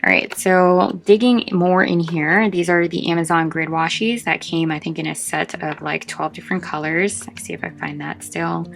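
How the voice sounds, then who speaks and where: Casual vlog host, female, low register with vocal fry, short of breath, chatty and meandering, soft guitar underneath. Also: steady tone, normal speed, hardly any pauses. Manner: chatty and informal, meandering with asides. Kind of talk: casual chat showing a craft collection.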